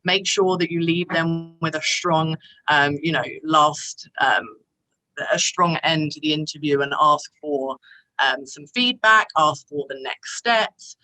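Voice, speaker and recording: A woman's voice: sits low, unhurried, pushed and bright, poor audio. A woman giving a conversational, encouraging presentation as a speaker at a career talk.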